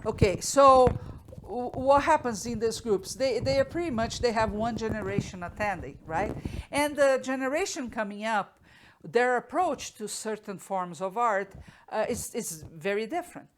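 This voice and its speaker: A woman's voice: fairly high pitch, expressive, normal speed, a little hiss or hum. Woman giving a live online art talk. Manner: thoughtful, frequent restarts and fillers. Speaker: art course host.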